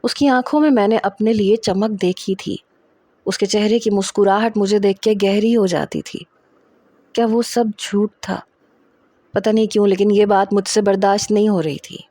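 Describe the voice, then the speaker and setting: A woman's voice: medium pitch, fairly even intonation, warm tone, no room sound. A woman narrating a romantic first-person story, reading in a dramatic, emotional way and acting out the dialogue.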